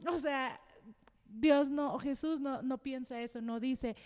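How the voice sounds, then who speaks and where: Chatty woman, high voice, laughing a lot in a casual faith talk. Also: takes it slowly, darkish tone. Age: adult, married. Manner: chatty, laughs often, many fillers. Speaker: co-host.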